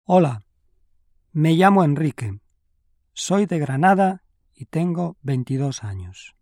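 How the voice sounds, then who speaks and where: A man playing a friendly twenty-two-year-old in a scripted language-exam dialogue, speaking slowly and clearly. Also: a little high, sing-song, darkish tone, no room sound, studio quality, heavily acted. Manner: slow, clearly spaced delivery.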